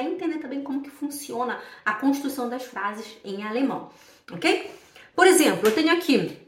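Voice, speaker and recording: A Brazilian woman teaching German pronunciation in a lively way, slowing down to show each sound. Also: fairly high pitch, far from the mic. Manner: animated, demonstrating sounds slowly. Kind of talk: pronunciation lesson. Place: Switzerland. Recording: echoey room, voice a bit off-mic.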